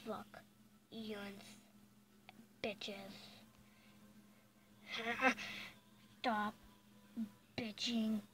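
Slow, high-voiced female whispered role-play. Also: flat delivery, slight background noise, poor audio. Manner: playful, swears a lot, switches between whispers and loud outbursts.

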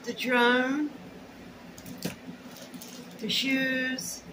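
This is a very slow, level, high-pitched woman's voice. A middle-aged haul vlogger chats in a homey, colloquial style as she unboxes things she bought, sitting in a small room at home, and the home camera audio carries plenty of noise.

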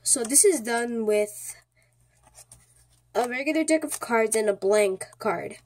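An animated speaker with a medium-pitched voice teaches a card trick at a small indoor table, taking things slowly. The explanation is informal and repeats itself, with frequent check-ins to make sure the listener is following.

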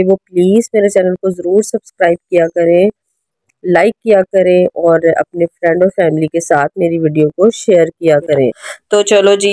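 Chatty low-voiced mom vlogger. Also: female voice, dark tone, no room sound, clean studio sound. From Pakistan. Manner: chatty, homely, addresses viewers directly. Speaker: vlogger, mother and housewife. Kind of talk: casual home vlog narration. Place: small home.

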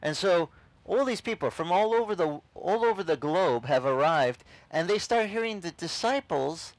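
Animated middle-aged pastor preaching on a beach. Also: male voice, high-pitched, moderate pace, dry recording, poor audio. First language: not English. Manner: animated, gestures a lot, acts out quoted voices. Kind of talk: casual beach sermon. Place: outdoors on a beach.

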